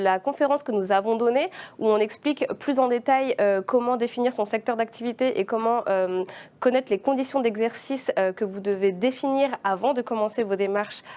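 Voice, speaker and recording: A woman recruitment consultant explaining job-search norms in a webinar, measured and explanatory, hesitating at times. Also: fairly high pitch, darkish tone. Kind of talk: webinar presentation.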